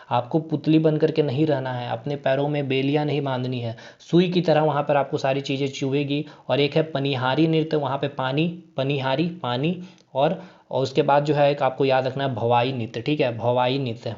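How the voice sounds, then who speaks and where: A man's voice: medium pitch, darkish tone. A man teaching an exam-prep lesson in a casual style, repeating terms and building memory tricks. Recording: dull lo-fi sound.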